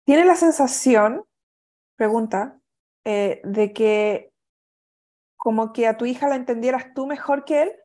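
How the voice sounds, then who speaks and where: A woman hosting a parenting counseling session, asking gentle, probing questions and affirming often. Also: fairly high pitch, unhurried, pauses often. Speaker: parenting counselor and podcast host. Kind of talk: therapeutic conversation.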